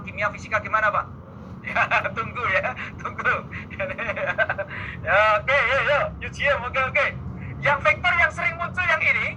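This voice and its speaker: A man's voice: very high-pitched, pushed and bright, slight background noise, low-quality recording. A man teaching an exam-prep math lesson, playful and teasing, talking back and forth with his students. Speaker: math tutor.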